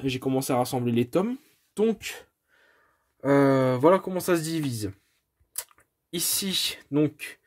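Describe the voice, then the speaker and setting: A man's voice: medium pitch, a little mellow. A man talks casually while filming his room on a phone held at arm's length. His speech is hesitant, full of fillers and self-corrections, with modest, self-deprecating apologies as he goes. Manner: hesitant, many fillers and restarts. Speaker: vlogger showing his manga collection. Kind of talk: casual home video tour.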